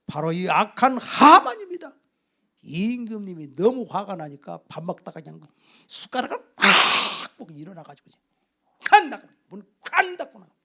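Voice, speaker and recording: Male pastor, high and raspy, emphatic preaching. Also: normal speed. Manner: animated storytelling with acted voices. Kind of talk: sermon.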